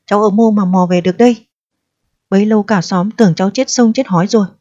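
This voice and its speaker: A woman voicing a frail, hoarse, kindly old village man who mumbles and fusses, on a slightly dull lo-fi recording. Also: mid-range voice, steady tone, fast talker, dark tone, natural voice. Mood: astonished.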